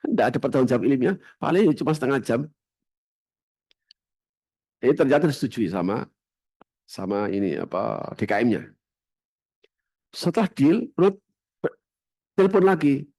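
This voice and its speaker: A middle-aged male preacher with a Javanese accent tells stories in his sermon, and his pitch leaps and falls in animated swings. His voice comes across close and dry, with hardly any room sound, and his delivery jumps from loud bursts to near-whispered asides. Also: normal speed, long pauses, no room sound. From Java. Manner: storytelling with animated shifts between loud and hushed. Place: mosque.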